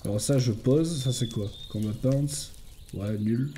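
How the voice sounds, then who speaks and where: A young man casually commenting on his game and reading in-game notes aloud, getting excited as he plays. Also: mid-range voice, unhurried, slight background noise. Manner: excitable, talks to himself and viewers, reads in-game notes aloud. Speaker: gaming YouTuber. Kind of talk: casual let's-play commentary.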